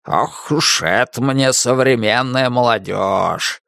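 A fussy, bearded old house spirit, voiced by a male reader, scolds and grumbles with a lively, rising and falling voice. He sounds reproachful and old-fashioned. The recording is close and dry. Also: mid-range voice, measured pace, no room sound. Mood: grumbling. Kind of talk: audiobook character voice.

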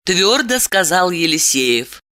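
Expressive woman reading a novel aloud. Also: on the low side, slow pace. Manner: expressive, dramatic storytelling. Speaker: narrator. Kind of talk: audiobook reading.

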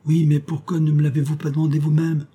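Guy doing a shy gentle young lady in a storybook reading, soft and a bit teasing, mellow husky tone. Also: a little high, completely flat delivery, fast, pitched above the performer's own voice.

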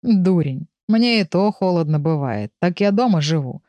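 A woman's voice: fairly low pitch, lively intonation, normal speed, warm tone, dry recording, highs cut off, close to an everyday voice. A woman doing a mocking, grumpy male pet. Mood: scolding. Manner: mocking, scolding. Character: grumpy, sensible male pet animal, lecturing.

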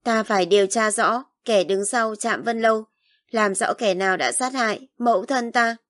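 A woman voicing a composed young noblewoman who speaks quietly, calmly and firmly, in audiobook narration. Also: on the high side, normal speed, no room sound, studio quality, lightly acted. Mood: guarded. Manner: quiet, calm and firm.

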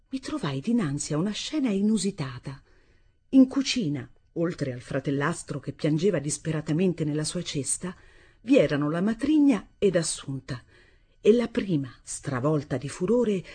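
A woman reads a literary novel aloud in a lowish, husky voice. Her pacing is measured and expressive, recorded close on a studio microphone. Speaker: audiobook reader. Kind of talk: literary audiobook reading.

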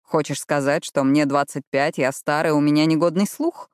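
A self-assured young man speaks calmly and a little arrogantly, his voice pitched very low, as a woman reader voices him. The audiobook reading is dry, with no room sound. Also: moderate pace, clear, resonant tone, no room sound, natural voice. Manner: calm, assured, controlled. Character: calm, confident, arrogant young man, age 25.

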